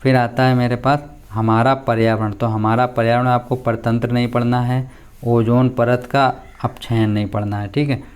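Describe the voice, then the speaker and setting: A man's voice: medium pitch, flat delivery, moderate pace, darkish tone, clear, resonant tone. A man, a teacher explaining a school syllabus to students and often checking in with them as he goes. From India. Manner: plain explaining tone with frequent check-ins.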